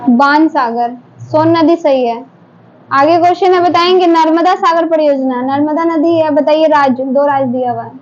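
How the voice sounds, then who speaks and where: A woman teacher quizzes her classroom, briskly pushing students to answer in turn. Her voice sits high. The recording is dull and lo-fi, with faint noise under it. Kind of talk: classroom quiz drill.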